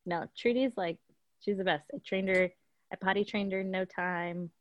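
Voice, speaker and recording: A young woman with a high, youthful voice chats frankly on a call from her apartment, laughing often and swearing casually. She talks at normal speed. The recording is muffled and has no room sound.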